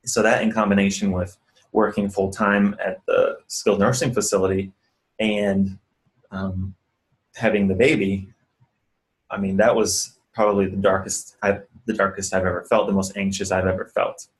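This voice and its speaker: Man, lowish voice, earnest and conversational, physical therapist, casual advice vlog. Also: little pitch movement, moderate pace, low-quality recording. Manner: earnest, conversational, talks the viewer through breathing. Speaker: physical therapist and clinic owner.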